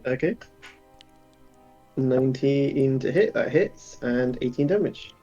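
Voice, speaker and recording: Man, game master, brisk, laughs easily, middle pitch, dull lo-fi audio, faint music. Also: lively intonation, dark tone. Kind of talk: running a tabletop game.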